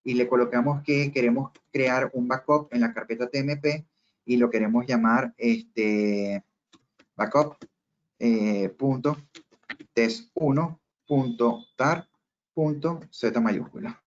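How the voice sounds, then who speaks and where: A man's voice: medium pitch, takes it slowly. A man teaching a screencast tutorial, explaining each step and speaking straight to the viewers. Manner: explains step by step, often addressing viewers directly. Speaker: instructor. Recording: dull lo-fi recording.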